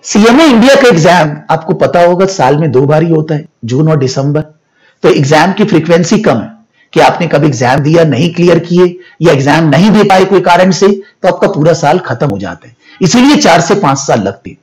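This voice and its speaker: A man explaining to students, moving between Hindi and English phrases in a steady teaching tone. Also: fairly high pitch, normal speed. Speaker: education academy founder and teacher.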